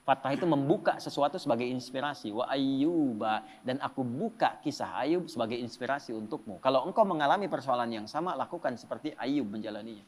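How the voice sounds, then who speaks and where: A man preaching a sermon in a lively manner, asking his audience questions and answering them himself. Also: medium pitch, fast talker, few pauses, long reverb tail. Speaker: Islamic preacher.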